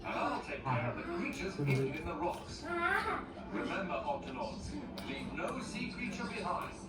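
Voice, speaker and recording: A man's voice: on the high side, very animated, moderate pace. A man voicing a brave, earnest captain of an undersea rescue crew in a children's cartoon, giving orders with authority. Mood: resolute. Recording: echoey TV playback from far off, music.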